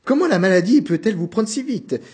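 Guy doing a frantic young salesman, begging, husky and up high. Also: sing-song, a little mellow, exaggerated voice. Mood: pleading. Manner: pleading, hurried, apologetic. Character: flustered young male travelling salesman.

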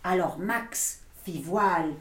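A woman reading a picture book aloud to children in an animated way, with playful asides to her listeners. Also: on the low side, slow. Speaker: storyteller. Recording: echoey room, faint noise.

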